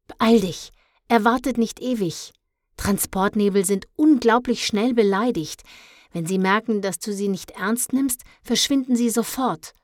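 A woman voicing a gruff, bossy male jungle creature who snaps curtly, in a children's storybook reading. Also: medium pitch, unhurried, no echo, clean studio sound, voice pushed up, close to an everyday voice. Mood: urgent. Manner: snapping, curt, urgent.

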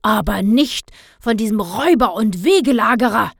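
A woman's voice: medium pitch, expressive, a little slow, dry recording, clean studio sound, lightly acted. A woman voicing a grumpy, stingy middle-aged father who scolds and grumbles indignantly in a storybook reading. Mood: indignant grumbling.

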